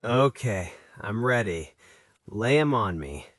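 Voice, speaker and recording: Weary, slow-talking man. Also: lowish voice, animated, no echo, clean studio sound. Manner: groggy, weary, complaining. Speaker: student co-host. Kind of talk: scripted teaching dialogue.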